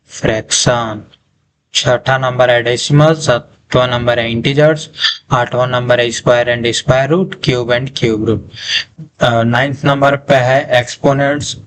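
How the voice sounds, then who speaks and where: A man's voice: medium pitch, slight background noise, poor audio. A male math teacher goes through an exam syllabus. He asks each chapter question himself, answers it, and repeats every topic name. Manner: slow and repetitive, saying each topic name twice. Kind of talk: syllabus walkthrough lesson.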